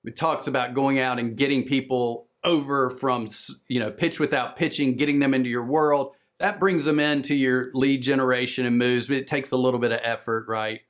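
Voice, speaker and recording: Southern American man presenting at a conference, brisk and energetic, salesy. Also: mid-range voice. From Southern United States. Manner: energetic, fast-talking, salesy. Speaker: podcast business presenter.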